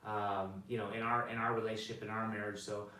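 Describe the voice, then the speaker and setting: Man, 40s, interview host, jovial, laughs often, bright tone, off-mic, roomy echo, faint noise. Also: fairly low pitch, level tone, a little fast, recorded from a distance. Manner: jovial, laughs often, softens when sincere. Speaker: channel host interviewing guests. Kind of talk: casual interview chat. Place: hotel room at a theme-park resort.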